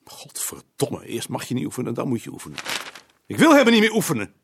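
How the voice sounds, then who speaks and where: An actor playing an irritable husband in a film drama, gruff and quick to flare up. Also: male voice, mid-range voice, big pitch swings, warm tone, a little hiss or hum. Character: grumpy middle-aged husband, short-tempered.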